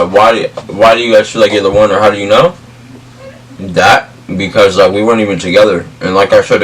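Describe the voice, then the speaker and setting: A young adult man chatting casually and telling stories in emphatic, slangy speech. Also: low-pitched. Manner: slangy, emphatic, checks in with "you feel me" and "bro". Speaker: vlog co-host. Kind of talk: casual storytelling chat. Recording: distant mic, faint background noise.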